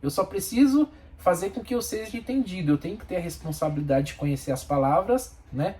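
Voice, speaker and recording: High-pitched and expressive, this Brazilian man talks a little fast with a slightly mellow tone. He's a bus driver giving frank, opinionated takes in Portuguese with a Brazilian accent for a casual vlog, often repeating himself for emphasis.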